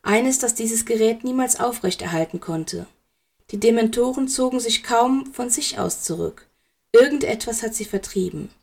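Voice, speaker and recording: A woman reading a calm, soft-spoken old male headmaster wizard in a fan fiction audiobook. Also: fairly high pitch, moderate pace, vocal fry.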